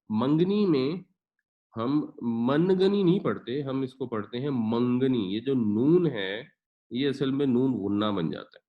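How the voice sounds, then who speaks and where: A man's voice: mid-range voice, lo-fi sound. A man teaching a Quran class, patiently explaining grammar and pronunciation with everyday examples. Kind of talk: explanatory lecture.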